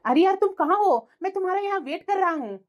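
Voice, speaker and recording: A woman's voice: extremely high pitch, lively intonation, fast talker, voice pushed down. Woman doing a wheedling young boyfriend. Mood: pleading. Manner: pleading, wheedling. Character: young man, pleading boyfriend.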